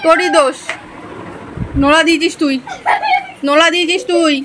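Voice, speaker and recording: A woman's voice: very high-pitched, fairly even intonation, normal speed, noisy background. A woman at home, coaxing and scolding her pets in baby talk. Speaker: pet owner vlogger.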